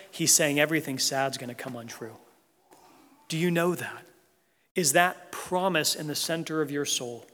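A man preaching an Easter sermon, earnest and emphatic, slowing down to stress key phrases. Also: on the high side, fairly bright tone. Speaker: pastor. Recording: long reverb of a large hall.

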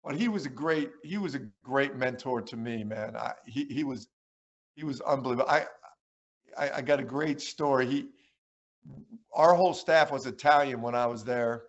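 A man's voice: medium pitch, normal speed, highs cut off. A man in his sixties, a retired basketball coach and podcast guest, telling stories in a casual conversation and acting out quotes. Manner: animated storyteller, acts out quotes.

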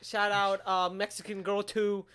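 A man's voice: high-pitched, monotone, a little slow, a bit bright. A young man co-hosting a casual podcast, bickering playfully and laughing often. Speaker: podcast co-host. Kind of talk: casual chat.

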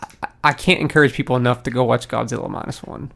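A man's voice: medium pitch, fairly even intonation, fast talker, vocal fry, fairly bright tone. A young man co-hosting a podcast in casual chat, rambling with many restarts. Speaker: podcast co-host.

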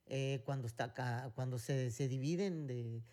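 Mexican guy middle aged, chatty podcast, rambles n restarts a lot, mid pitch. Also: normal speed, dark tone. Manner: rambling storyteller, many fillers and restarts. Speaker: podcast co-host. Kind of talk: casual chat.

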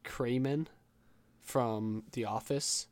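A man's voice: medium pitch, fairly even intonation, extremely slow, darkish tone, no echo. A man co-hosting a podcast in casual chat, laid-back and laughing along. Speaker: podcast co-host.

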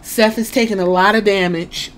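A woman excitedly retelling a wrestling press conference in casual, profane storytelling, acting out what each man said. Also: medium pitch, normal speed. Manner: excited, swears a lot, acts out quotes.

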